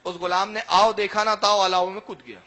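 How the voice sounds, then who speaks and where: High, bright-voiced male preacher. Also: little pitch movement. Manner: dramatic, retells stories with acted quotes. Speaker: religious speaker. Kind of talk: sermon storytelling.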